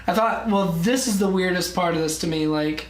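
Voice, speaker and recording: Blunt, animated woman in an echoey room. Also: on the low side, moderate pace. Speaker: reviewer on a panel. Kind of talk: casual group review chat.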